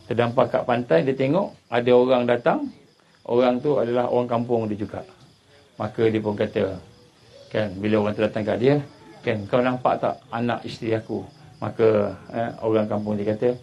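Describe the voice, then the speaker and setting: Male Malaysian Malay preacher, mid-pitched voice, storytelling sermon that climbs to loud emphatic peaks, dull lo-fi recording.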